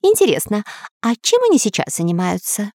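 A woman's voice: medium pitch, huge pitch swings, fairly quick, a little mellow, dry recording, studio quality, voice pushed up. A woman voicing a fawning male parrot sidekick in a children's audiobook, with an eager, ingratiating squawk. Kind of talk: audiobook character voice.

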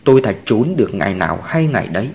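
A man's voice: fairly low pitch, sing-song, quick pace, a little mellow, pitched below the performer's own voice. A man voicing an aloof man who talks bitterly and dismissively. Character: aloof man, scornful of judges.

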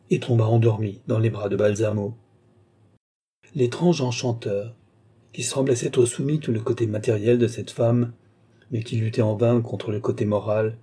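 A man narrating a classic novel as an audiobook in a steady, literary storytelling manner. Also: mid-range voice, husky.

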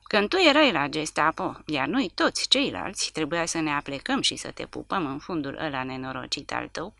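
A woman's voice: low-pitched, sing-song, creaky, fairly bright tone, no room sound, full character voice. A woman reading aloud, voicing a huge, brutal male corporal who roars and jeers menacingly. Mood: jeering. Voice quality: roaring, jeering.

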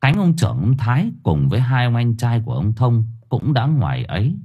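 A man narrating an audiobook story in a dramatic, expressive way. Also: medium pitch, brisk, breathy edge, lo-fi sound. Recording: faint music underneath.

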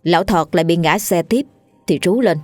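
A woman narrating a ghost story in a lively, dramatic way. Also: on the low side, moderate pace, soft background music.

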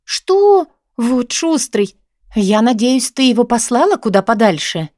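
Woman reading as a blunt excitable student girl, loud and indignant, higher voice, dry close mic. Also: normal speed, no echo, natural voice. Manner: loud, indignant, mocking outbursts. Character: young female student friend, blunt and excitable.

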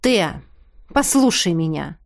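A woman's voice: fairly low pitch, sing-song, takes it slowly, gravelly, voice pushed down, exaggerated voice. Donna, a woman playing a dry, stern lawyer. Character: cool, sharp-tongued woman lawyer.

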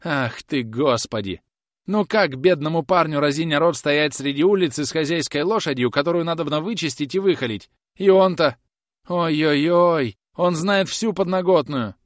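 A man's voice: on the high side, moderate pace, no room sound, studio quality, voice pushed up, lightly acted. A man reading an audiobook, voicing a frightened young male errand lad with a whining, pleading manner. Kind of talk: audiobook character voice.

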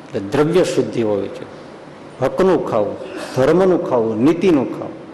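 In an echoey temple school hall with long reverb and a little hiss or hum, a swami delivers a sermon story. His medium-pitched, dark voice is very animated and fairly quick as he folksily acts out the characters' voices.

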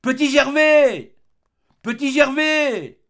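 A man voicing a weary, tormented grown convict with gruff, harsh outbursts in a storybook reading. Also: extremely high pitch, takes it slowly, a bit bright, pitched above the performer's own voice, heavily acted. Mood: calling out.

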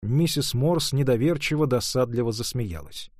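A man calmly reading a novel aloud as an audiobook narrator. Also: mid-range voice, moderate pace, no echo, clean studio sound. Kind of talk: scripted narration.

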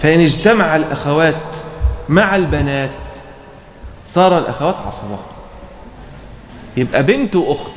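A man's voice: fairly high pitch, lively intonation, normal speed, long pauses, a little hiss or hum. A man with an Egyptian Arabic accent, teaching a religious law text to students, reading passages and then explaining them with frequent check questions. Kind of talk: explaining a fiqh text in a lesson. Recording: roomy echo, faint background ambience.

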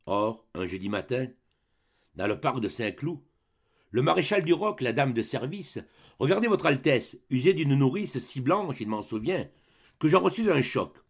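Guy voicing a proud old soldier sergeant, gravelly husky voice, verse swinging all over. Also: mid-range voice, big pitch swings, moderate pace. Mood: storytelling. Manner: declaiming, rhythmic verse delivery. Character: boastful old male grenadier sergeant, proud and loyal. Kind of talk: dramatic reading of a verse play.

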